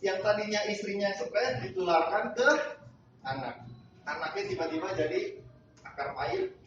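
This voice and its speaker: Male pastor, high voice, preaching from a distance in a noisy, echoey church hall. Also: moderate pace, lo-fi sound. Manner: animated storytelling, acting out characters in raised voices. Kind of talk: sermon.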